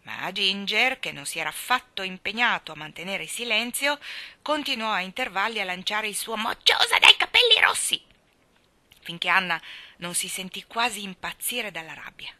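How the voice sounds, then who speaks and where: A woman narrating an audiobook in a measured, quiet storytelling manner. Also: medium pitch, no echo. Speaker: audiobook reader.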